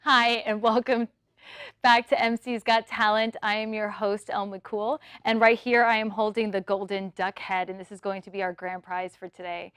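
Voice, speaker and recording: A woman's voice: medium pitch, level tone, normal speed, a bit bright, clean tone, dry recording, studio quality, lightly acted. A woman playing an upbeat female talent-show host who introduces the judges and the acts. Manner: upbeat presenter patter.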